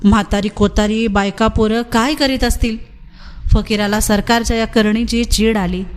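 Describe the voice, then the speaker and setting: A woman narrates a novel in a measured, literary manner. Her voice sits somewhat high for a woman. The reading is steady and unhurried in its phrasing. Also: smooth.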